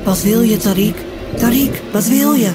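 A woman's voice: fairly high pitch, normal speed, lightly acted. A woman voicing a mysterious whispering wind spirit that keeps pressing the boy with the same questions, in a storybook reading. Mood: insistent. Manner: breathy insistent whisper, repeats the boy's name. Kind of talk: storybook narration. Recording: music bed behind voice.

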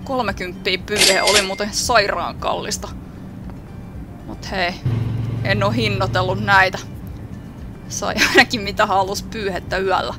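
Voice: medium pitch, level tone, pauses often, over music. A gaming YouTuber giving casual, jokey running commentary while playing a game. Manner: chatty, jokey running commentary with small laughs.

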